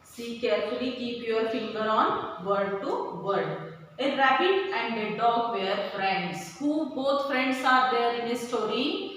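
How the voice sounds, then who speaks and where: A woman primary school teacher giving a lesson to children, explaining slowly and asking them questions as she goes. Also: a little high, fairly bright tone. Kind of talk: online class lesson. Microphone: far from the mic. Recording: echoey hall from far off, faint background hum.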